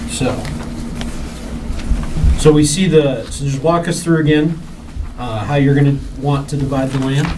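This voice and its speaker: A man's voice: medium pitch, fairly even intonation, a little slow, long pauses. Distant American man chairing a meeting. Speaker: review board chair running a public hearing. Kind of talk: procedural meeting talk. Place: public meeting room with room microphone. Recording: distant mic, noisy meeting room.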